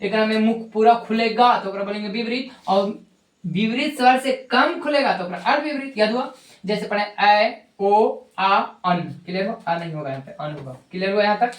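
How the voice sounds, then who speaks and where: A woman's voice: mid-range voice, moderate pace. Bihari-accented woman teacher drilling a grammar lesson, answering her own questions, recorded in an echoey room. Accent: Magahi-inflected Hindi from Bihar. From Bihar, India. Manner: repetitive drilling, asks questions and answers them herself.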